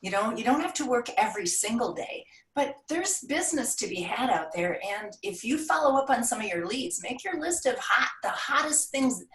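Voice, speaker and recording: Brief: female coach guest, measured and thoughtful, echoey room, off-mic. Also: a little high, very animated, a bit bright. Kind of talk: podcast interview. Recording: roomy sound, distant from mic.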